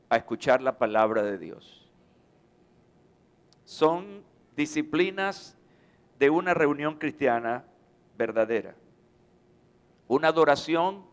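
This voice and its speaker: A man's voice: medium pitch, clean tone. A male pastor giving a Sunday sermon, calling on the congregation to respond. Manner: slow, deliberate preaching with call-and-response to the congregation. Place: church sanctuary.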